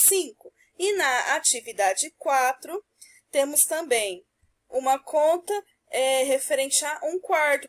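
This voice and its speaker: A woman teacher recording homework corrections for young pupils, stretching out each answer slowly and clearly. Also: sits high. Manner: slow, clear, drawn-out answers.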